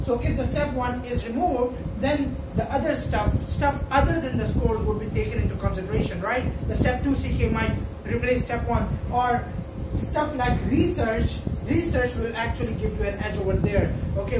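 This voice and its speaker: A man in his twenties with a Pakistani accent explains things informally and emphatically to camera, repeating his points. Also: sits high. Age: 20s. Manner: emphatic, repeats points, often checks with "okay". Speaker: medical student presenting an educational video. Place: indoor room in front of a whiteboard. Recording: echoey room, distant mic, clear background noise.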